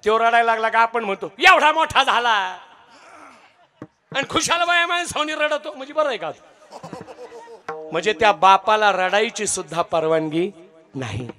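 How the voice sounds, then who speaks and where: A man preaching a devotional kirtan sermon with lively, dramatic storytelling. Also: sits high, moderate pace, faint music behind.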